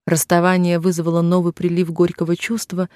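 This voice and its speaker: A man narrating a novel aloud in a measured, even storytelling voice, in a dry room. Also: high voice, no room sound. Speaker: audiobook narrator. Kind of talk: scripted literary narration.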